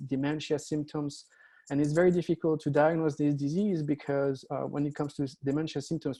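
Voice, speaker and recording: A middle-aged man from France with a French accent, giving a webinar lecture over a computer mic and pausing often with "uh". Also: a little high, dark tone. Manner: hesitant, many "uh" fillers. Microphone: computer mic on a video call.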